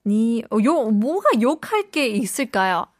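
A woman's voice: a little high, very animated, measured pace, dry recording, studio quality. A woman hosting a casual radio chat, playful and laughing often, slipping English phrases into her talk. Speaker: radio host.

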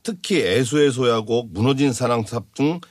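A man explaining old songs on a radio show in lively casual chat, laughing often. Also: mid-range voice, moderate pace, no echo, studio quality. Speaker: music commentator.

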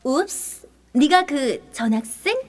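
An actress playing a self-assured, teasing rich heiress in an audio drama, with a coy, knowing delivery. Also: female voice, sits high, animated, slow. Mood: breezy, teasing.

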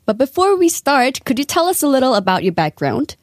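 Lively young woman hosting a chat. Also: high-pitched, a little fast, no echo, studio quality. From Korea. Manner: lively, laughs often. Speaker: podcast host. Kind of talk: casual chat.

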